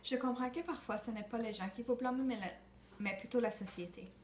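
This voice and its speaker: A student with a fairly high, brisk voice recites an earnest, declamatory monologue for a school project, frequently restarting. The recording has a roomy echo and faint ambient noise.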